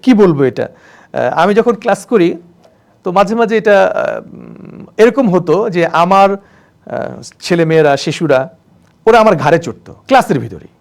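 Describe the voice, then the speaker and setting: A man lecturing trainee teachers, animated, acting out examples in changing tones and mixing in English words. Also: high-pitched, unhurried, creaky, long pauses. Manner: religious phrases and English words mixed in.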